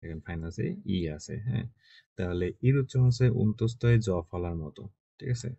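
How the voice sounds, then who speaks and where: Man, deep gravelly voice, patient teacher, dry muffled call audio. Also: brisk, mellow, dry recording. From Bangladesh. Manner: patient, checks in often with short questions. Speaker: Chinese language teacher. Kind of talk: online class teaching pronunciation.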